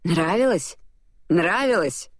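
A brash, cruel young man, as a woman reads him speaks loudly, with his voice raised above the narration. The audiobook recording is close and dry. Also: deep voice, moderate pace, dry recording. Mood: mocking gleeful.

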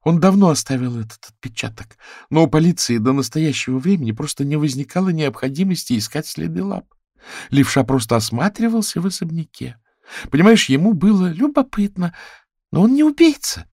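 A man voicing a talkative, rambling female raccoon in an audiobook, pitched well above his own voice. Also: animated, fairly quick, darkish tone, no room sound, studio quality. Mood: chatty, pleading. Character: chatty female raccoon, a thief's girlfriend.

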